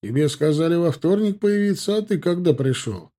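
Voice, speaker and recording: A man voicing a gruff, sardonic middle-aged hospital doctor who barks and teases in a brusque way. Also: a little high, expressive, moderate pace, mellow, voice pushed up, lightly acted. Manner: barking, teasing, brusque.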